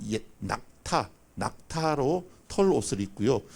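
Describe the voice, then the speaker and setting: A man telling a Bible story as a children's sermon, acting out the characters with lively, animated delivery. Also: medium pitch, slow pace, creaky. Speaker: children's pastor. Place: church.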